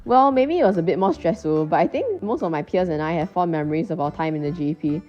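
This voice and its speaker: A woman's voice: on the low side, expressive, fast, a little mellow, faint music behind. A woman with a Singaporean accent giving well-spoken, orderly interview answers on a slightly muffled recording. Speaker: interviewee, former gifted programme student.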